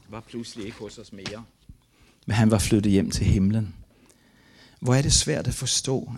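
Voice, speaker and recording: A man's voice: fairly low pitch, a little mellow. Grieving man reading his memoir aloud. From Denmark. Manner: earnest, grief-laden, halting reading. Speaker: missionary giving a testimony.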